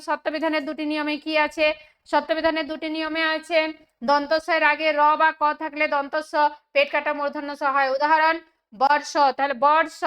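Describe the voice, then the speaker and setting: Brief: woman teacher, high and fairly monotone, explains answers in question-and-answer steps. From West Bengal, India. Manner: asks questions then answers them, slowing to read examples. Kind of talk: exam solution lesson.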